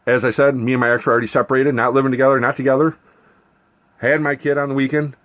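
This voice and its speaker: A man's voice: medium pitch, little pitch movement, quick pace, a bit bright. Aggrieved man ranting with heavy swearing. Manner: aggrieved, profane, emphatic, repetitive. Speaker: vlogger documenting a personal grievance. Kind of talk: unscripted personal rant.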